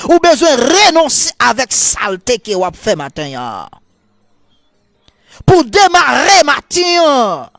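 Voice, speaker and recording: Haitian Creole-accented male priest, slow and gravelly, dry close sound, fervent morning sermon. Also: extremely high pitch, dry recording. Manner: fervent, repetitive call-and-response cadence; soft murmured prayer.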